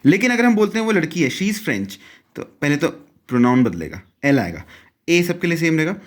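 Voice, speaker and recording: A man's voice: a little high, big pitch swings, brisk. A young man, teaching French step by step and mixing in English phrases. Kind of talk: explaining a lesson.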